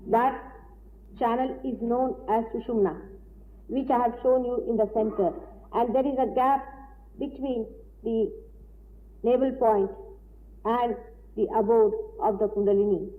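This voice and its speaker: A woman's voice: fairly high pitch, fairly even intonation. Woman lecturing on an old tape recording. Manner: deliberate, explanatory, with frequent pauses. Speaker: spiritual teacher. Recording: tinny old lecture tape with faint hiss.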